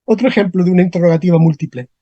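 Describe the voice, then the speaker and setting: A teacher giving an online language lesson over a video call, speaking slowly, repeating example questions and often checking in with the class. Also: medium pitch, no room sound, lo-fi sound. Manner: slow, repeats questions, frequent checking tags. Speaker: Spanish grammar teacher.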